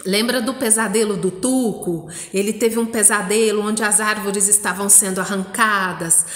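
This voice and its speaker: Brazilian schoolteacher recording a kids' lesson; stretches syllables, keeps asking "não é?", echoey room with long reverb. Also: female voice, medium pitch, steady tone, fairly bright tone. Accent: Brazilian Portuguese. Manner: slow, drawn-out spelling of syllables with frequent "não é?" checks. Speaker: primary school teacher. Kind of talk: recorded lesson for young children.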